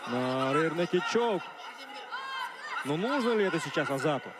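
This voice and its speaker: A man giving live play-by-play combat sports commentary, excitable and swelling toward shouts at key moments. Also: fairly high pitch, measured pace. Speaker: MMA fight commentator. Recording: loud crowd and venue noise behind. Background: noisy arena crowd.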